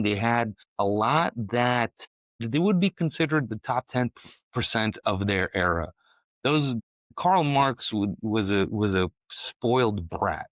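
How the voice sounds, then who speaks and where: A man's voice: fairly low pitch, no room sound, rough recording. A man from Ukraine in his forties hosting his own podcast, talking bluntly and profanely in a rambling monologue full of restarts. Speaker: podcast host. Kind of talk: casual opinionated monologue.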